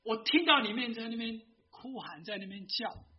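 A man's voice: very high voice, expressive, moderate pace, highs cut off, voice pushed up. A man voicing a remorseful old male professor in a confession, told within a sermon. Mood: anguished.

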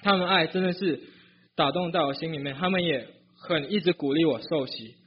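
A young man from Malaysia shares a personal testimony at church, earnest and hesitant, often restarting his sentences. His voice sits a little high with a husky edge. The recording is dull and lo-fi. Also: brisk. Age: young adult. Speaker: student giving a testimony.

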